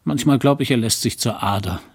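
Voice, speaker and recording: A man's voice: medium pitch, fairly quick, husky. Fussy good-natured doctor husband, read by a man, mildly grumbling, audiobook. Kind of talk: audiobook character voice.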